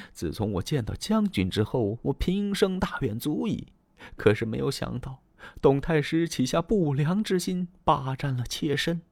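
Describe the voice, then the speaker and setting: A male storyteller voicing a young, beautiful woman who pleads tearfully in a raised, soft, weepy voice. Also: a little high, gravelly, dry recording, pitched above the performer's own voice, heavily acted.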